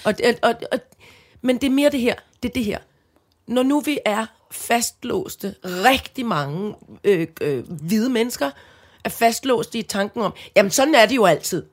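A woman's voice: on the high side, lively intonation. A Danish woman co-hosting a podcast, talking earnestly in casual chat with frequent restarts and fillers. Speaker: podcast co-host.

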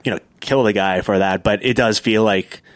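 A man hosting a casual sports podcast chat, talking quickly with lots of filler words. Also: lowish voice, no room sound, studio quality. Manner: fast, chatty, filler-heavy. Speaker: podcast host.

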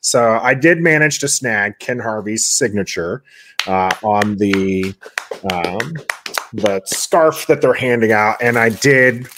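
A man's voice: lowish voice, animated, slow pace, noisy background. A man hosting a casual sports talk show, chatty and rambling with fillers. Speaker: podcast host.

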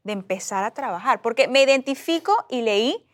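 High, lively woman interviewer. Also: moderate pace. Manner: engaged, prompting with follow-up questions. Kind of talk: conversational interview.

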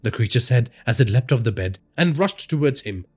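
A man's voice: medium pitch, a little fast, a little hiss or hum. A man narrating a scripted horror story, telling it dramatically. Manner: dramatic storytelling with lively inflection.

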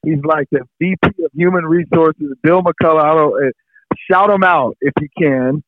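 A middle-aged former pro football player with a fairly high voice tells stories at a normal pace in a casual interview, animatedly acting out the people in them. The line is tinny and phone-like, dry, with a noisy background.

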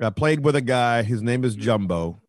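A man co-hosting a sports talk show, telling a long rambling story that swells into excited, louder bursts. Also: medium pitch, moderate pace. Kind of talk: casual sports chat.

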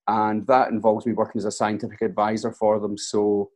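Man, broad Scottish accent, middle-aged, fairly low pitch, soft mellow tone, casual interview talk. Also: monotone, a little fast. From Scotland. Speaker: interview guest, scientist and kayaking coach.

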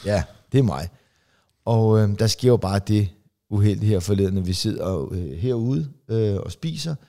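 A comedian co-hosting a podcast, telling rambling family anecdotes full of fillers and restarts. He briefly acts out relatives in quick, raised voices. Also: fairly low pitch, lively intonation, dark tone. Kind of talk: casual chat, storytelling.

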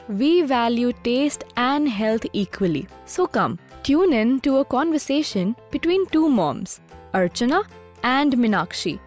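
A woman with an Indian accent reading a scripted podcast introduction as host, putting questions to listeners in a presenterly way. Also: high voice. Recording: music bed under the voice.

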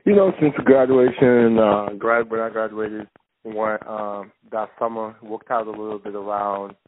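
A young man from Senegal, a former basketball player, talking as a phone-in guest in a halting way with frequent restarts. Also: fairly low pitch, fairly even intonation. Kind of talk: casual phone interview. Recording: tinny phone line with faint hiss.

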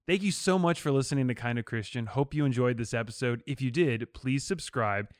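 A man in his thirties hosts a casual podcast interview, asking long, rambling questions packed with fillers. His voice is medium-pitched and a little fast.

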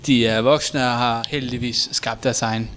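A man playing a mild-mannered psychologist in his seventies in an improvised comedy interview, answering hesitantly with soft fillers. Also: mid-range voice, steady tone, lightly acted. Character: mild-mannered elderly male psychologist, aged 73.

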